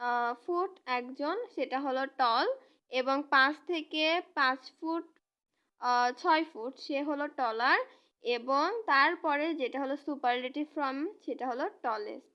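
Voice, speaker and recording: Woman English tutor, high voice, slow and repetitive, spells words out, muffled lo-fi sound. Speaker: English teacher. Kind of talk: explaining grammar to students.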